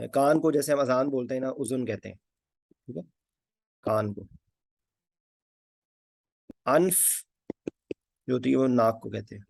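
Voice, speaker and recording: Man teaching with a gravelly voice. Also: mid-range voice, slow, long pauses, a little mellow, no room sound, studio quality. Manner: hesitant, many fillers, repeats key words. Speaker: anesthesia teacher. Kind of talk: informal spoken lesson.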